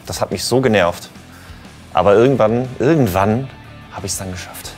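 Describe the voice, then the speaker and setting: A man's voice: on the low side, normal speed, darkish tone, soft background music. A man telling a casual, grumbling anecdote about a frustrating boss fight. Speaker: games show regular.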